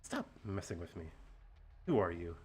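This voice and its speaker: A man's voice: low-pitched, very animated, moderate pace, slightly rough, soft background music, pitched below the performer's own voice, exaggerated voice. A man reads the part of a serious young woman student in a game. She is impatient and defiant, answering in curt, indignant lines. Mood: irritated.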